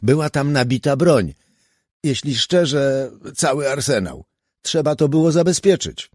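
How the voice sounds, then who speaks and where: A man's voice: medium pitch, lively intonation, darkish tone, dry recording, studio quality, voice pushed up. A man doing a flustered young policeman. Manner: hurried, stammering explanations. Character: young, nervous male policeman. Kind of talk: audiobook character voice.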